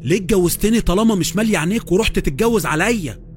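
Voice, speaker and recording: A man voicing a furious, betrayed young wife with an Egyptian accent, shouting accusations. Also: medium pitch, very fast, soft background music, natural voice. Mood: furious, accusing.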